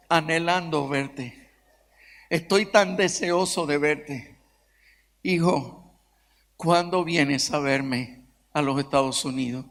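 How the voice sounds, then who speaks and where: A repentant older father pours out his apologies in a high, slow, pleading voice, as a male preacher acts him out in his sermon. The long reverb of a church auditorium trails behind every phrase. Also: a bit bright, full character voice. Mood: tender. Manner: pleading, emotional, repeated appeals. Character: remorseful older father begging his son's forgiveness. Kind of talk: sermon storytelling.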